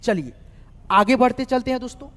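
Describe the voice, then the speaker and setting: A man's voice: extremely high pitch, a little fast, a bit bright. A man giving a spoken lesson on writing names, spelling words out letter by letter and often checking back with his students. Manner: keeps saying "doston" and "theek hai", spells words out letter by letter. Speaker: English teacher. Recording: reverberant room recording.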